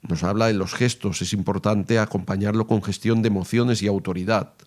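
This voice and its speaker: A man with a Spain Spanish accent teaching courtroom speaking, explaining in a measured way and reading examples aloud. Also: lowish voice, steady tone, darkish tone. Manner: measured, reads quoted advice aloud.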